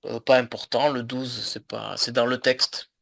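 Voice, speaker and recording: A man's voice: medium pitch, little pitch movement, unhurried, creaky, fairly bright tone. A man teaching a French lesson over a video call, explaining patiently with many fillers and repeats. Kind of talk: online language lesson.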